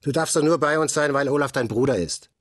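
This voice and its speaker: A man's voice: fairly high pitch, quick pace, dry recording, studio quality, natural voice. A man voicing a cocky boy from a children's gang who teases and brushes off a girl, in a storybook reading. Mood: dismissive.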